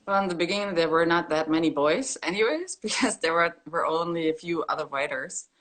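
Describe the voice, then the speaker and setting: A woman speaks from a room at home over a laptop video call. Her voice sits low, and her telling is relaxed and candid, dotted with fillers and light laughs. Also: brisk. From East Germany. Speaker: graffiti artist guest. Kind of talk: casual video-call interview. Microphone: laptop webcam on a video call.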